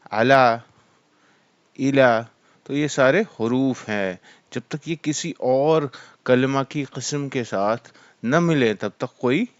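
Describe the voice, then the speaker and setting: A man teaching Arabic grammar in a lecture, explaining terms slowly and mixing in English words. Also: medium pitch, no room sound, highs cut off. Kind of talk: classroom lecture.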